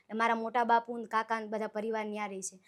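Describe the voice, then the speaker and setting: A woman's voice: a little high, level tone, fast. A woman, from Saurashtra in Gujarat, speaking as a guest folk singer in a casual interview and telling her stories earnestly. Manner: earnest, heartfelt, storytelling.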